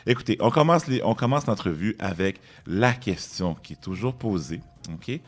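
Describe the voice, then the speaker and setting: A man's voice: lowish voice, expressive, normal speed. A man hosting a morning radio show, asking questions emphatically.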